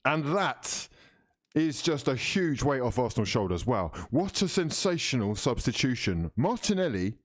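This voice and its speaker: A man hosting a live fan football watch-along, commentating in an informal, excitable, matey way. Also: mid-range voice, moderate pace, dry recording, clean studio sound.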